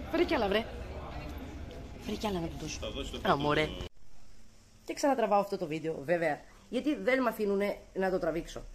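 A woman's voice: medium pitch, a little hiss or hum. A woman in her late thirties, chatting casually and teasingly to her viewers while vlogging with her family at home and out at a tavern. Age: late 30s. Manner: chatty, talks straight to viewers, teasing asides. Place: home and outdoor tavern at night.

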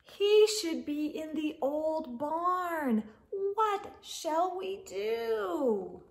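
A middle-aged woman hosting a children's storytime reads a picture book aloud to young kids from a living room or home library lined with bookshelves. Her high, creaky voice is animated and extremely slow, with an expressive sing-song delivery, animal sounds and hushed asides.

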